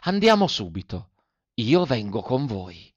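A man voicing a naive, excitable wooden puppet boy who speaks eagerly. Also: medium pitch, a little slow, no echo, lo-fi sound. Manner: eager, wide-eyed.

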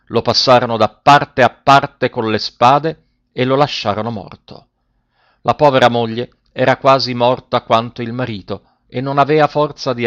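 A man reading a fairy tale aloud as narrator, with a measured, expressive delivery. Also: mid-range voice. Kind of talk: storybook reading. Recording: dry, slightly muffled recording.

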